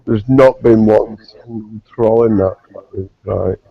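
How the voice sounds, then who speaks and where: A man's voice: fairly low pitch, fairly even intonation, unhurried, creaky, dry recording. A man hosting a casual online group chat, rambling with fillers and swearing. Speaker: host of an online chat show. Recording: lo-fi, dry online call audio.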